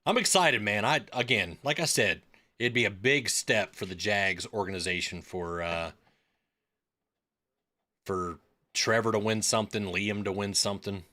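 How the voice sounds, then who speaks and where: A man's voice: lowish voice, normal speed, pushed and bright. A man in his thirties hosting a live stream, chatting casually and telling rambling stories. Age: 30s. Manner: rambling storyteller with filler words and restarts.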